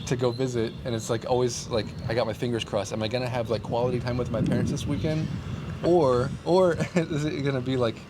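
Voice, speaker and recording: A man's voice: mid-range voice, steady tone, fairly quick. A man who grew up in Taiwan telling childhood stories as a guest in casual conversation, upbeat and rambling, with lots of fillers. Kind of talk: casual storytelling. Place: outdoors on a city street. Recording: outdoor street with traffic noise.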